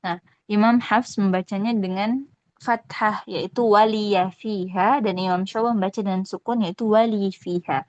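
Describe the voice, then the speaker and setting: A woman presenting part of a recitation lesson to her fellow teachers, explaining readings slowly and politely. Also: medium pitch, fairly even intonation, dry recording, dull audio. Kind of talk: student presentation.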